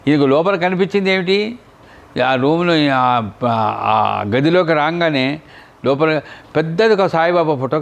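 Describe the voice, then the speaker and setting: Brief: middle-aged male religious storyteller, fairly high voice, acts out the quotes. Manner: retelling a saint's story with voiced quotes and questions to listeners. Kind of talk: devotional discourse.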